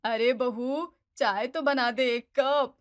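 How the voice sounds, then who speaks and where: A woman's voice: on the high side, steady tone, slow, clear, resonant tone. A woman voicing a scheming older mother-in-law who is obsessed with tea and sighs and grumbles theatrically. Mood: shouting.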